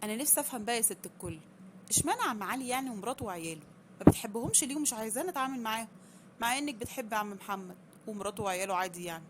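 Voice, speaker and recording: A woman's voice: fairly high pitch, lively intonation, rapid-fire, natural voice. Figure: a woman playing an anxious young daughter. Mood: pleading. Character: pleading young adult daughter. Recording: noisy background.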